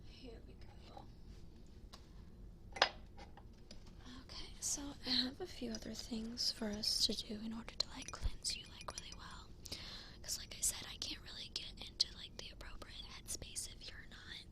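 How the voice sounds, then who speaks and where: A woman doing a fast-whispered ASMR role-play as a flaky, self-assured psychic, rambling in a breezy, informal way. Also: fairly high pitch, steady tone. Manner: rambling, breezy, informal filler-heavy talk. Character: flaky, self-assured female psychic giving a cleansing session.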